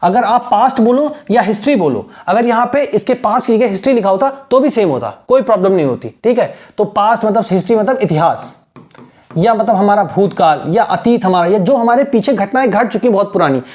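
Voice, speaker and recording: A man's voice: sits high, animated, a little fast, darkish tone. A male teacher giving a screen-share language lesson, patiently repeating points, checking in with the viewer and drilling pronunciation syllable by syllable. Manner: mixes English phrases into his explanations.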